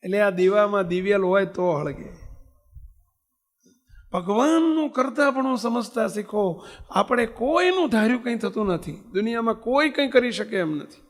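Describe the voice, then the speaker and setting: High-pitched guy preaching, keeps asking the crowd stuff, long echo like a big hall. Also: lively intonation, moderate pace. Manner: asks the audience frequent questions. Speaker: swami preacher. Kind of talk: sermon with storytelling.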